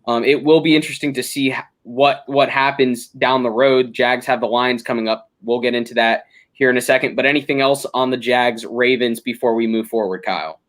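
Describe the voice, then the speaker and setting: A young man hosting a casual sports podcast, talking through games analytically with frequent ums and restarts. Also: medium pitch. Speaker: podcast host.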